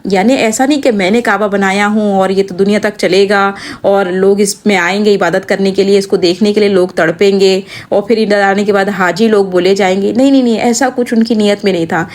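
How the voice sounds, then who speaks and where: A middle-aged woman tells her family's story as a vlog, chatty and devout. Her voice sits at an ordinary pitch for a woman. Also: a little mellow. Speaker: vlogger. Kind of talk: casual family vlog narration.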